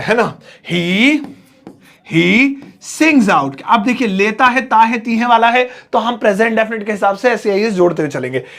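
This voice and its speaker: A man with a Hindi accent teaching a spoken English lesson, explaining step by step and spelling words out slowly. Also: high voice, fairly bright tone.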